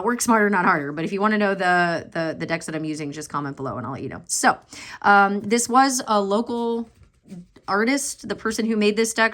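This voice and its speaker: A woman's voice: lowish voice, fairly bright tone. Chatty woman reading tarot. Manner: rambling, chatty, many fillers and self-corrections; apologetic nervous laughs. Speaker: tarot card reader. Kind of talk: channeled pick-a-card reading. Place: at home.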